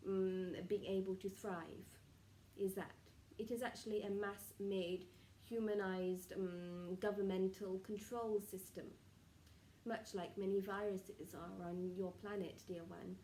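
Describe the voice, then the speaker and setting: A woman speaking as a seance medium in trance, voicing benevolent spirit guides with formal, halting, stilted phrasing and murmured pauses. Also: mid-range voice, steady tone, mellow, natural voice. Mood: solemn, insistent. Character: solemn benevolent collective of spirit guides advising a client. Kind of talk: seance medium channelling, improvised spiritual counsel. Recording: roomy, distant mic with faint noise.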